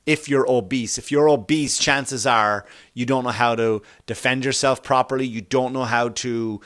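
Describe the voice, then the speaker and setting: A man's voice: medium pitch, fairly even intonation, normal speed, a bit bright. A man from Ireland, hosting a podcast in a blunt, profane, rambling comedic monologue full of restarts. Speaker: podcast host.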